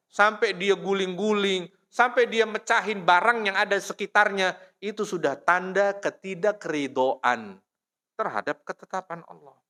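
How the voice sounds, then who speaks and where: A man's voice: high-pitched, pushed and bright. A man from Indonesia giving a storytelling lecture in a mosque, often checking in with his listeners with "ya" and "Pak". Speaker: preacher.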